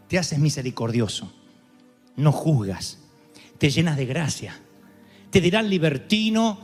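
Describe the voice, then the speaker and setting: A man preaching a sermon as pastor, swinging from cries to soft, slow emphasis. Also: on the high side. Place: large church hall. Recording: live church sermon with long reverb and faint music.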